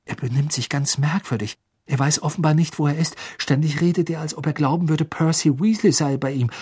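A man voicing a teenage boy wizard who talks urgently and breathlessly, pleading and shouting, in a husky voice. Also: on the high side, brisk, pitched above the performer's own voice. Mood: anxious.

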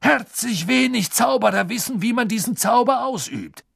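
A man's voice: very high-pitched, expressive, normal speed, gravelly, fairly bright tone, slightly rough, no room sound, studio quality, pitched above the performer's own voice, full character voice. A man voicing an indignant middle-aged wizard who reasons with a colleague. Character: angry middle-aged father, kindly wizard.

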